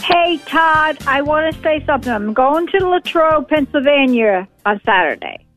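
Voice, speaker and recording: A woman's voice: sits high, big pitch swings, moderate pace, fairly bright tone, soft background music. A woman calling in to a radio show over the phone, blunt and fired up, talking over the host in casual call-in chat. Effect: radio show caller on a phone line. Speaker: caller. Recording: tinny phone line.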